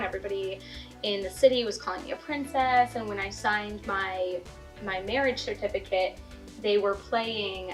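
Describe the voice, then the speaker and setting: A woman co-hosting a casual chat show, playful and quick with jokes. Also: medium pitch, fairly bright tone. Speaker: podcast co-host.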